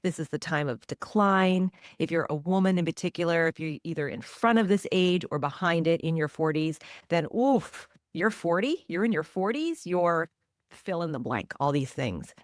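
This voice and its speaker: A woman's voice: fairly low pitch, lively intonation, normal speed, dry recording, studio quality. A woman in her forties, a journalist and author, answering interview questions in a reflective, earnest way. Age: 40s.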